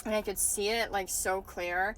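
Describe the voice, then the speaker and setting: A woman's voice: mid-range voice, fairly even intonation, normal speed, fairly bright tone, slight background noise. A woman casually recounting a dream in a hesitant way, searching for words and often saying "like". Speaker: vlogger.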